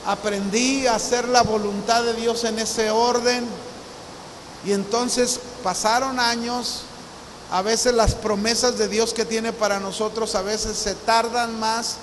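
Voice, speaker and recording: A pastor around sixty preaches with a notably high voice, telling his story in an earnest, personal way. His words ring out with a long reverb, and a faint hiss sits underneath. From Mexico. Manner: earnest storytelling, acts out remembered dialogue. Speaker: visiting pastor. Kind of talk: sermon. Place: church hall.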